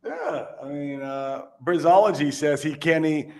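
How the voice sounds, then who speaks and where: A man co-hosting a casual chat, easygoing and quick to laugh. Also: on the high side.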